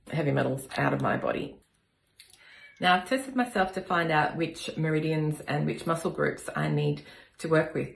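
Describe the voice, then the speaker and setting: A middle-aged woman with a cold, calmly explaining and demonstrating a kinesiology balance on herself. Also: low voice, gravelly. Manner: calm, explanatory, counts slowly. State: has a cold. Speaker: kinesiology practitioner. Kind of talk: demonstration with instruction. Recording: echoey room.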